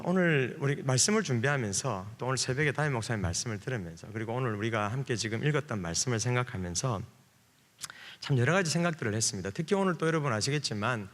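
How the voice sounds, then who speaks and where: A male pastor from Busan speaks with a Gyeongsang accent at an ordinary middle pitch. He preaches at a revival service in a loose, chatty way, joking and filling pauses. His voice carries a long reverb through the church's sound system. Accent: Gyeongsang Korean. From Busan, South Korea. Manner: chatty and joking, with many fillers. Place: church sanctuary.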